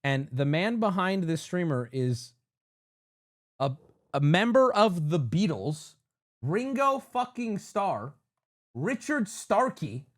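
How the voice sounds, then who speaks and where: A man livestreaming, reacting to clips in casual chat and often bursting into excited shouting. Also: high-pitched, slow pace, no room sound, studio quality.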